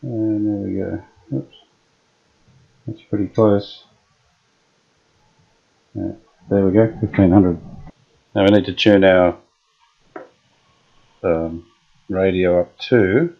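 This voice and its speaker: An Australian man restores an old radio, thinking aloud through each step in relaxed, hands-on workshop narration. His low voice is slow, with vocal fry, frequent pauses and plenty of fillers, and the lo-fi workshop audio sounds dull.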